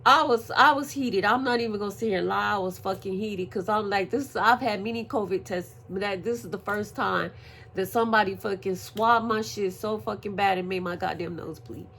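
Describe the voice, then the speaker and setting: A woman recovering from surgery, telling a story in a profane, animated casual vlog. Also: mid-range voice, brisk, a little hiss or hum. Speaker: vlogger. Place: at home, indoors.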